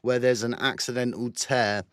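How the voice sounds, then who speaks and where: A man hosting a crypto channel, talking casually to camera with a croaky, short-winded voice while recovering from surgery. He rambles, repeats himself and fills gaps, speaking from a studio booth. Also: mid-range voice, flat delivery, moderate pace, no echo. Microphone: new microphone.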